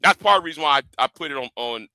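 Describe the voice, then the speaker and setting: A man's voice: a little high, lively intonation, rapid-fire, bright, forceful tone, dry recording. A man hosting an informal livestream rant, stammering and often repeating the starts of his phrases. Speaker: livestream host.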